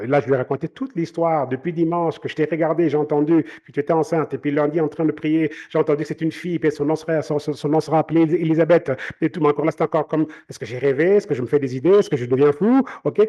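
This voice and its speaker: A man's voice: a little high, a little mellow. A man with a Canadian French accent preaching to his listeners, stammering through restarts and checking in with "ok?" after nearly every point. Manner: repeats "ok?" often, stammers and restarts. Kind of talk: sermon-style teaching.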